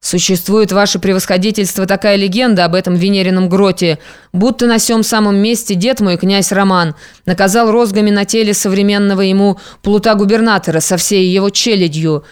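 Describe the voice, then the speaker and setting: A haughty prince from an old classic, polite on the surface and coldly ironic underneath, as an audiobook reader puts him on. He speaks slowly and deliberately, every courtesy carrying a threat. The voice is smooth and clear, in a mid register. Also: mid-range voice, fairly even intonation, lightly acted. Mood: dry mockery. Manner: unhurried, drily ironic, polite with hidden menace. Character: cool, mocking Russian prince, a middle-aged nobleman landowner. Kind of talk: audiobook character reading.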